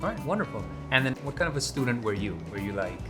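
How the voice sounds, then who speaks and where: A young man hosts a casual interview in a cafe. He asks friendly, upbeat questions in an ordinary mid-range voice. Guitar music plays clearly behind him. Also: mid-range voice, big pitch swings, fast. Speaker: host.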